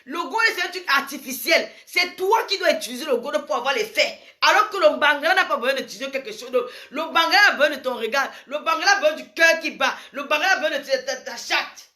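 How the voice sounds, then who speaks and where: A woman's voice: high voice, expressive, fast, sharp tone. A woman giving a frank advice monologue to camera, emphatic and repetitive, with sudden exclamations. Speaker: advice vlogger.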